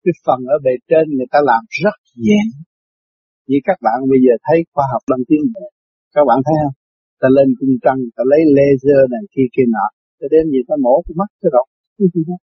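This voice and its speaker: A man's voice: medium pitch, quick pace, breathy edge, dull audio. An older man giving a dharma talk as a spiritual teacher, telling stories in a chatty way and laughing often.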